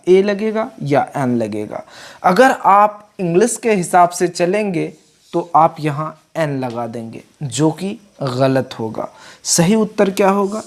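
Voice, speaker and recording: A woman's voice: sits low, a little mellow. A woman teaching English grammar in a classroom-style lecture. She spells out letters and asks questions that she then answers herself. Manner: slow and deliberate, spells letters aloud, asks and answers her own questions.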